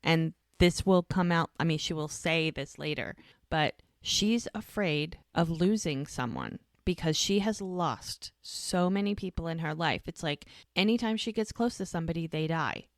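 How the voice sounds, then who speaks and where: A woman co-hosting a podcast casually recaps a TV episode in an animated way, acting out the characters' lines. Her voice is deep and at a normal speed, with clean studio sound and no echo.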